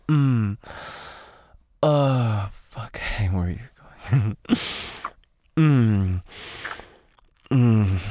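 A man performs an intimate audio roleplay close to the microphone, speaking in soft whispers interrupted by low moans and sighs. The recording is dry.

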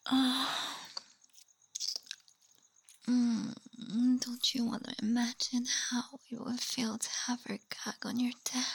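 A woman speaking in a teasing, taunting whisper for a roleplay audio, with soft hums and sighs between lines. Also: on the high side, a little hiss or hum, low-quality recording. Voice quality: breathy. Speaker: voice actor.

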